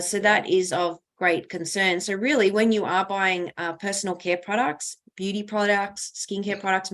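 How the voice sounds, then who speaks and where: A woman presenting skincare information in a steady, explanatory way with some fillers. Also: on the low side.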